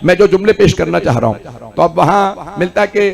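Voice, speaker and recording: A man preaching a sermon to a large gathering, building to shouted climaxes and pleading with the listeners for attention. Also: high voice, lively intonation, fairly quick, creaky. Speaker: Shia cleric giving a majlis sermon. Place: large hall before a crowd.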